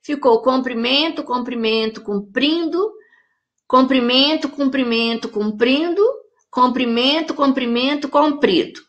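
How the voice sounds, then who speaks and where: A high-pitched woman with a Brazilian Portuguese accent guides children through a recorded grammar lesson, explaining slowly and carefully. The audio sounds dull.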